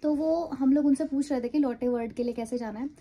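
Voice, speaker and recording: A woman's voice: sits high, fast, dark tone, breathy edge. A young woman chatting casually to her phone camera, telling travel stories with frequent laughs, first in a car and then in a hotel room. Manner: chatty storytelling, laughs often. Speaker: travel vlogger. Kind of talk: casual vlog chat to camera. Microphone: phone camera at arm's length.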